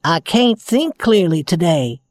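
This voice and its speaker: Cheerful rag doll leader, a man doing it, lilting and lively; storybook. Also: high-pitched, measured pace, dry recording, studio quality, voice pushed up. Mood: earnest.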